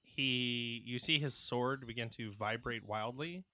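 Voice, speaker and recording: A man's voice: mid-range voice, sharp tone, dry recording. A man narrating as game master in a tabletop game, descriptive and playful. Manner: descriptive, playful, slows for detail.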